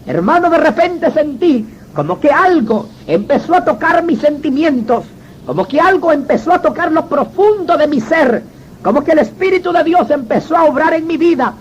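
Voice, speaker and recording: A man with a strikingly high voice recounts his conversion as a former gang member, telling it with dramatic storytelling and speaking to the listener as a brother. The audio is dull and lo-fi, with a faint hiss underneath. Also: animated, normal speed. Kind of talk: religious conversion testimony.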